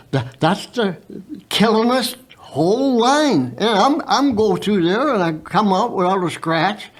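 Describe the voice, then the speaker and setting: A very old man of about a hundred telling his own story unscripted as a veteran guest, haltingly, with repeated words and stammered starts. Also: high voice. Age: very old, around 100.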